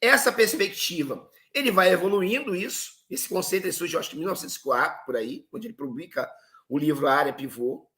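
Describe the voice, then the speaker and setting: A man lectures in a fairly high voice. His tone is bright and forward. He explains things step by step and often poses a question before answering it himself. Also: expressive, fast talker. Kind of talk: lecture on history and geopolitics.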